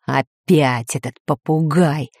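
A woman doing a gruff blustering pirate. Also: deep voice, takes it slowly, a little mellow, dry recording, studio quality, voice pushed down, exaggerated voice. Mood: angry. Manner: blustering, cursing. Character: gruff angry male pirate. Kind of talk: storybook reading.

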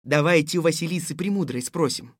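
An actor playing a stern but sensible fairy-tale tsar who speaks in a gruff, commanding way. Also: male voice, fairly high pitch, a little fast, no echo, studio quality, lightly acted. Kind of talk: audio fairy-tale drama.

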